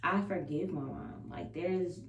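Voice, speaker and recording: A woman's voice: low-pitched, unhurried, creaky. A woman vlogger chatting casually and confessionally to viewers, candid and emphatic, swearing freely and repeating affirmations. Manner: candid, emphatic, profanity-laced, repetitive self-affirming. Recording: roomy echo, distant mic, faint hum.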